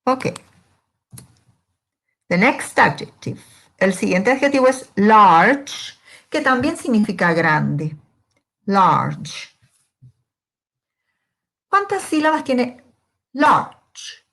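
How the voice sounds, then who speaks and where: A woman walks through a grammar lesson at a deliberately slow pace. Her voice sits in an ordinary middle register. She is patient and poses questions to her students, then answers them herself. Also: mid-range voice, sing-song, gravelly, a bit bright. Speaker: English teacher.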